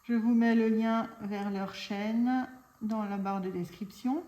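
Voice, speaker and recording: Slow, chatty woman in echoey room. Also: a little high, fairly even intonation, warm tone, lo-fi sound. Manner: chatty, rambling with many fillers. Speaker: craft YouTuber. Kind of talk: casual chat.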